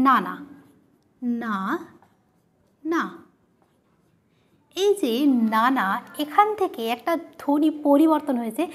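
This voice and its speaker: A woman teacher giving a grammar lesson, who asks questions and answers them herself, repeating each key term. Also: sits high.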